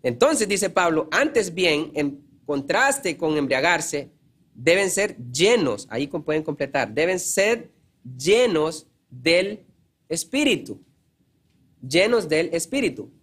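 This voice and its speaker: Guy preaching a sermon, kinda high voice, repeats stuff, keeps clearing his throat. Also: sing-song, slow pace, a bit bright. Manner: earnest teaching tone, repeats key words, clears throat often.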